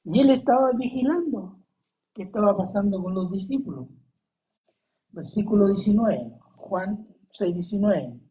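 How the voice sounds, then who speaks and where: A Chilean preacher walks the congregation through scripture at an unhurried pace, stopping to pose questions to the listeners. The delivery is conversational rather than grand, broken up by frequent coughs. The recording sounds dull and lo-fi, and the voice sits at a middling pitch. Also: animated. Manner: conversational, asks the audience questions, coughs often. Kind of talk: Bible study sermon.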